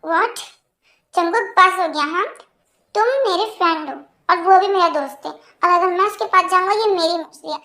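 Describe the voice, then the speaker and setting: A woman voicing a gentle young man in an amateur fan dub, pleading and then standing up for himself. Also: very high-pitched, normal speed, full character voice. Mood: defiant. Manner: pleading, defiant.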